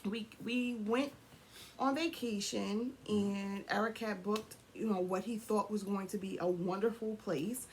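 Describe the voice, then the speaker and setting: A woman co-hosting a casual couple's chat, hoarse from losing her voice, talking freely and clearing her throat. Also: mid-range voice, steady tone, unhurried, slight background noise. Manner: chatty, laughs often, clears throat. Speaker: co-host of a couple's channel.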